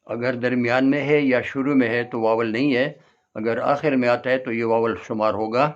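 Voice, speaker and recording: A man's voice: mid-range voice, fairly even intonation, moderate pace, dull audio. A man teaching an English lesson, spelling words out letter by letter and explaining them in Urdu. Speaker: English tutor. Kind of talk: classroom lesson.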